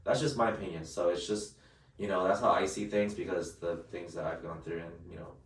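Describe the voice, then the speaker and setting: A man in his late twenties talks in a low, deep register with a roomy, echoing sound. He rambles through his points with many restarts and fillers, heard from a mic set back from him. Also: brisk, recorded from a distance. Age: late 20s. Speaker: podcast co-host. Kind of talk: casual chat.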